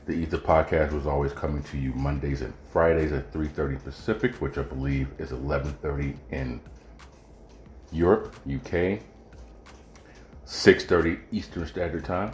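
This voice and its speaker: With a bass voice, fairly even intonation and a moderate pace, a podcast host jokes around casually with his listeners on his own. There's a little hiss or hum, plus echo and faint music in the room.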